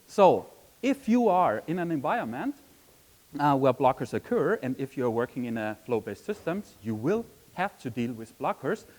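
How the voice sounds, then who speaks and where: A man's voice: fairly high pitch, a little mellow, low-quality recording. Chatty man giving a conference talk. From Austria. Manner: chatty, frequent "um" and tag question "right?". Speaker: conference speaker. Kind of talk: conference presentation. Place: conference session room.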